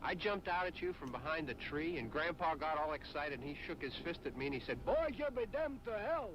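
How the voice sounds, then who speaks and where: A man's voice: a little high, very animated, brisk, highs cut off, background noise. An actor playing a teasing young man who mocks his frightened sister, from an old film soundtrack. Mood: reminiscing. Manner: mocking, taunting.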